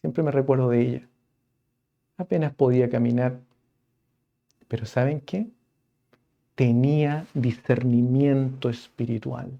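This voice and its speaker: A man's voice: mid-range voice, fairly even intonation, a little slow, creaky, long pauses, dull audio. A man preaching a sermon in an earnest, emphatic way, often addressing listeners directly.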